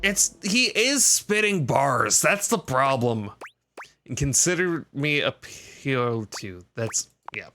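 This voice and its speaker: A man's voice: medium pitch, sing-song, slow pace, bright, forceful tone, a little hiss or hum. A man streaming a video game, joking and reacting casually to it. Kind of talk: casual gameplay commentary.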